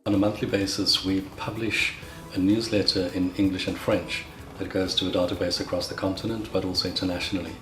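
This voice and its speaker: A man's voice: low voice, little pitch movement, fairly quick, a bit bright, soft background music. A man explaining an organisation's work in an articulate, methodical way, as its secretary general. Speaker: secretary general of an arts network. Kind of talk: prepared explanatory talk in a promotional interview. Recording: roomy echo, faint background noise.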